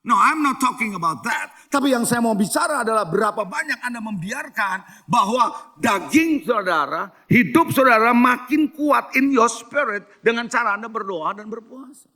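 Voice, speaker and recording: A man's voice: extremely high pitch, lively intonation, normal speed, hardly any pauses, bright, forceful tone. A middle-aged male pastor preaching a sermon. He tells stories, asks the congregation questions and mixes English phrases into his preaching. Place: church hall.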